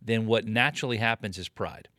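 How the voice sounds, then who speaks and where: Interviewed as a guest about ministry leadership, a late-fifties pastor talks with earnest, sermon-like conviction and repeats points for emphasis. He speaks fairly quickly in a bright, forceful voice on the low side. The audio is studio quality, without room sound.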